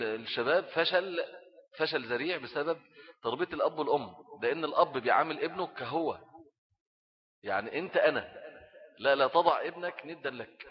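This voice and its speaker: A middle-aged Islamic preacher with an Egyptian Arabic accent gives a religious talk about raising children, speaking with animation and acting out little scenes. His voice is medium in pitch, and the recording sounds dull and lo-fi.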